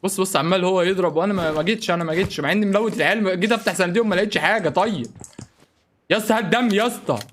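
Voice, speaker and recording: A young man with an Egyptian Arabic accent gives live commentary on a mobile shooter game. He sounds excitable and panicky and keeps pleading with his teammates for help. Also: sits high, rapid-fire, slight background noise. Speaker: gaming streamer.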